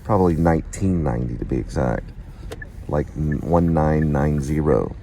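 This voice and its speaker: An extremely low, dark voice at normal speed belongs to a middle-aged man vlogging casually; he's an amateur playwright who wanders off into reminiscence and spells things out. Background noise accompanies him.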